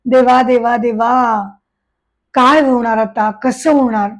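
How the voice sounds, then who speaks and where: A woman's voice: fairly high pitch, steady tone, slow. A woman voicing a stern, anxious devout father who scolds his daughter, in a spoken devotional tale. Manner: scolding, calling out loudly.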